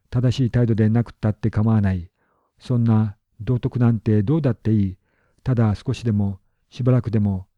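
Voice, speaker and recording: A man narrating a literary story as an audiobook, reading calmly and evenly and lightly voicing the wife and husband. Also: on the low side, no echo, highs cut off.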